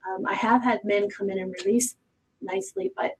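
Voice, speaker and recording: A woman's voice: mid-range voice, sing-song, brisk, vocal fry, husky, low-quality recording. A woman co-hosting a casual talk show as a psychic medium, reflective and emphatic, with hesitant restarts. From Arizona. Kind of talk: casual panel chat.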